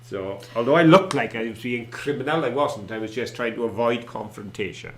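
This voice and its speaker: A middle-aged man with a Valleys accent from South Wales chats informally as co-host of an online show. His voice sits at an average pitch for a man. The sound is roomy, with noticeable echo. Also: brisk, a little hiss or hum. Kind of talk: casual chat with viewers. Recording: roomy, echoey indoor sound.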